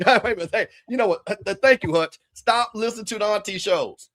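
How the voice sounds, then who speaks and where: Brash, high-voiced sports show host man. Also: quick pace. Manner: brash, scolding, lively. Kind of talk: casual sports talk show.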